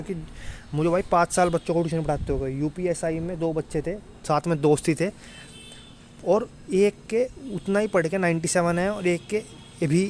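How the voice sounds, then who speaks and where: A young man acting as an exam tutor explains things to students informally, speaking in a fairly high, darkish voice with a slight hiss or hum. He keeps it colloquial, repeatedly calls his listeners "brother," and often checks that they're following.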